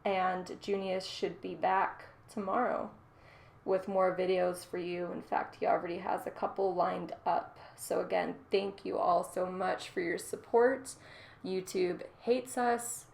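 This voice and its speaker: Nasal-voiced woman, stand-in news reader, slight gravel in the voice, steady delivery. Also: on the low side, measured pace. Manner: plain, steady article reading, then loose casual sign-off. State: tired. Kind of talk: reading financial news articles aloud.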